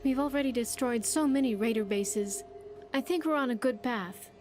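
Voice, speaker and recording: Voicing a grateful young survivor in a video game, this woman sounds chatty, sincere, earnest, and hopeful, her lines a bit stilted. Her voice is a little high and darkish, close to an everyday voice, delivered at a moderate pace over a faint hiss or hum.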